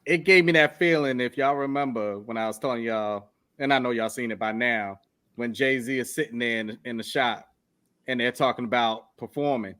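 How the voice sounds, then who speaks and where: A man's voice: medium pitch, normal speed, bright, forceful tone. A man hosting a podcast, affirming his guest and speaking directly to his listeners in a casual way. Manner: short affirming interjections, addresses listeners directly. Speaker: podcast host.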